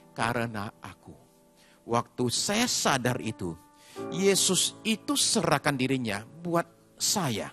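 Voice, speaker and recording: A man preaching a sermon testimony to a congregation in church. He swings dramatically between loud emphatic peaks and hushed low passages, repeating words for effect. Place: church service before a congregation.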